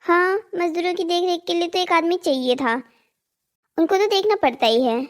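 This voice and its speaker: A woman's voice: very high voice, normal speed. A woman voicing a wealthy, condescending village wife in a cartoon drama. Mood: teasing. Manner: teasing, condescending.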